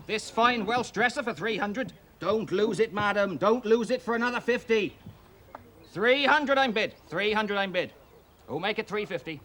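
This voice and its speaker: An actor playing a brisk auctioneer in a TV drama, calling bids in rapid, repetitive patter. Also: male voice, high voice, a bit bright, slight background noise.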